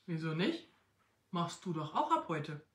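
A woman voicing a relaxed, cheerful, slim Father Christmas who wants a holiday, in an echoey room. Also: low voice, unhurried, pitched below the performer's own voice. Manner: easygoing, cheerful.

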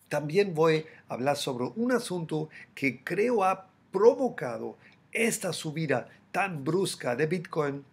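Gravelly German man giving crypto commentary. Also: medium pitch. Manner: animated, gestures a lot, chatty with the viewer. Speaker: crypto YouTuber. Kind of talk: daily market commentary. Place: hotel room, indoors.

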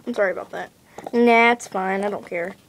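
A woman's voice: medium pitch, a little fast, slight background noise, natural voice. A girl voicing a polite doll supervisor. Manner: apologetic, put-on accent. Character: female doll character, adoption agency supervisor.

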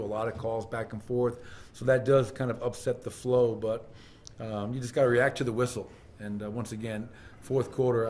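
A man's voice: mid-range voice, a little mellow. A middle-aged man, a basketball head coach, answers reporters' questions at a post-game press conference, speaking candidly with frequent fillers and restarts. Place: team press room, seated at a table. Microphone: desk microphone on a stand.

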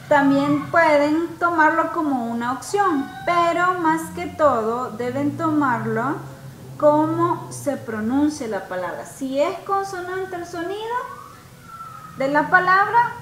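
A woman teaching a grammar lesson, patiently checking that her students follow and slowly repeating words for them to hear. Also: high voice, sharp tone, reverberant, a little hiss or hum, low-quality recording. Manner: patient, checks understanding often. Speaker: English teacher.

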